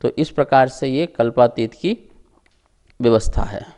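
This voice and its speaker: A man's voice: mid-range voice, darkish tone. A man teaching a scripture lesson, pronouncing each term syllable by syllable and explaining it step by step. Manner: explains syllable by syllable, drawn-out words. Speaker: religious teacher. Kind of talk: slow recitation lesson.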